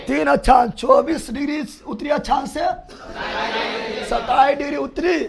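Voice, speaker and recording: A man teaching a class, shouting out facts for the students to chant back. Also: very high-pitched, fairly even intonation, normal speed, vocal fry, crowd noise, background noise. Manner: loud call-and-response drilling, shouting. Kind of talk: classroom lesson drill.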